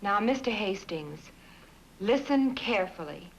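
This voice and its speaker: A calm, firm psychiatrist. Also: female voice, mid-range voice, unhurried, muffled recording, a little hiss or hum. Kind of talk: 1960s film comedy acting.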